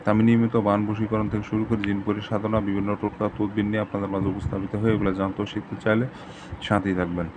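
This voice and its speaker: Low, flat-voiced man teaching rituals. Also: fast talker, noisy background. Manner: steady, repetitive, flat instructional delivery. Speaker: tantric channel host. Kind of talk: instructional talk to camera.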